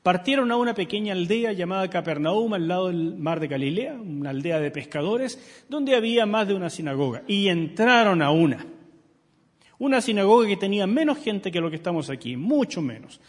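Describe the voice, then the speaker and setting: A middle-aged pastor preaching a sermon, emphatic and full of rhetorical questions to the congregation. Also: male voice, high voice, animated, brisk. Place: church sanctuary. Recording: long church hall reverb.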